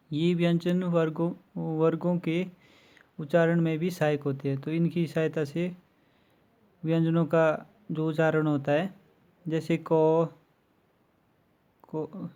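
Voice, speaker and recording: A man leads an exam-prep grammar lesson, slowly and methodically listing letters with examples. His voice is slightly high for a man yet mellow and dark, delivered flat and even, and the recording sounds muffled.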